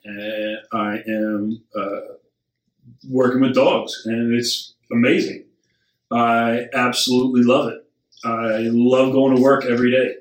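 A man's voice: mid-range voice, distant mic. A man in his forties chats as a podcast guest and acts out bits of dialogue as he tells his stories. His voice sits back from the mic in an echoey room. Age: 40s. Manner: animated storyteller acting out dialogue. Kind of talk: casual podcast chat. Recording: roomy sound from off mic.

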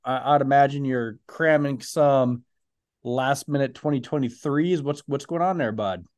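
Joking, rambling Canadian co-host. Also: male voice, medium pitch, unhurried, a little mellow. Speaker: podcast co-host. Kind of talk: casual chat.

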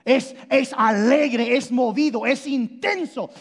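A man preaching a sermon, animated and emphatic, often repeating and restarting his words as he explains. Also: slow pace. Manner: animated, shifts between loud emphasis and low intensity. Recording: long hall reverb.

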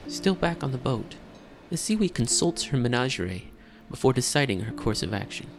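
A man's voice: medium pitch, sing-song, moderate pace, noisy background. A man delivering scripted storytelling narration as the narrator of a tabletop game tale.

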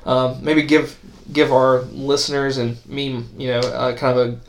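A man's voice: medium pitch, flat delivery, a little slow, a little hiss or hum. Man, twenties, podcast host, youth pastor, casual, chatty, filler-heavy. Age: 20s. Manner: loose and chatty, with frequent "uh" and "like" fillers. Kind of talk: casual interview chat.

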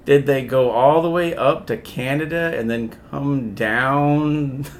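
A man's voice: mid-range voice, moderate pace, a little mellow. A man co-hosting a casual podcast, retelling a movie plot in a loose, profane way. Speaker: podcast co-host.

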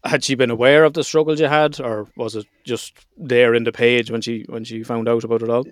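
A man's voice: medium pitch, level tone, fairly quick, no room sound, studio quality. A man with an Irish accent hosting a podcast in a casual, joking, informal way. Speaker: podcast host. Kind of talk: casual chat.

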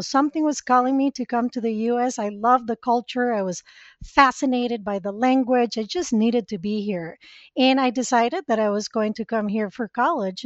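Woman from costa rica telling her story on a podcast, earnest, kinda high voice, dull dry lo-fi sound. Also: dry recording. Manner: earnest, reflective, personal. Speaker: podcast guest, spiritual mentor. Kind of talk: conversational interview storytelling.

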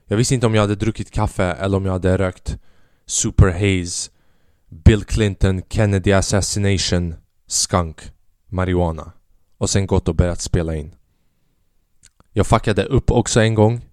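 A man's voice: steady tone, darkish tone, dry recording, studio quality. Rambling self-mocking young man podcaster. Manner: rambling, self-mocking, acts out quotes in a higher voice. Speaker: podcast host. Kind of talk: casual storytelling monologue.

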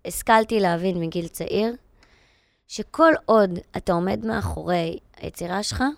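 A woman's voice: lowish voice, creaky, dry recording, clean studio sound. A middle-aged woman, a guest on a podcast, talking casually with lots of fillers and restarts. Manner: slangy, many fillers and restarts.

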